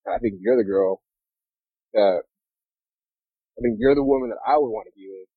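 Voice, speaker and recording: A young man talks in loose, rambling sentences full of swearing. His husky voice comes through a tinny, phone-like call line that glitches and cuts out. The sound is dry, with no room around it. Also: fairly low pitch, normal speed, no room sound. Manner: rambling, filler-heavy, profane. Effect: corrupted glitchy call audio cutting out. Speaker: podcast guest. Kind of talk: casual chat over a call. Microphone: remote video or voice call.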